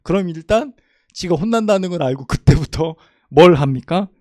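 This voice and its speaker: A middle-aged man preaching a sermon as a pastor, moving from loud, emphatic passages to quiet, homely storytelling. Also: a little high, expressive, moderate pace, no echo, clean studio sound. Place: church sanctuary.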